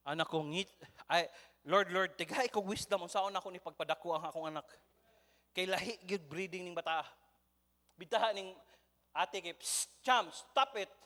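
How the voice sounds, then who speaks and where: Bright high-voiced Cebuano pastor preaching. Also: male voice, moderate pace, pauses often. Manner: animated storytelling, mixing in English. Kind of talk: sermon. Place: church. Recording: long church hall reverb.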